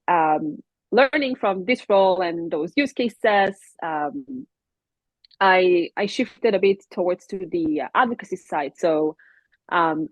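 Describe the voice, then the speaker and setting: A woman's voice: on the low side, no room sound, lo-fi sound. A woman from Israel, a guest on a podcast, answering questions in a friendly manner with many ums and uhs. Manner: friendly, laughs often, fillers like um and uh. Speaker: guest, tech product advocate. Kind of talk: interview answers.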